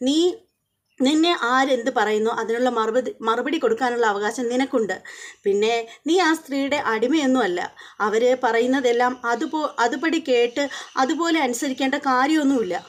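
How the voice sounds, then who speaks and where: A woman's voice: high-pitched, normal speed, lightly acted. A woman voicing a young husband who insists in a firm, lecturing way that his wife stand up for herself. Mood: firm, indignant.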